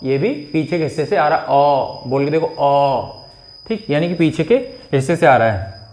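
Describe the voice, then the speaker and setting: Man teaching, drawn-out vowel demonstrations. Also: fairly high pitch, darkish tone. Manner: explanatory, checks in often, drawn-out vowel demonstrations. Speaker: Hindi teacher. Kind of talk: exam-prep grammar lesson.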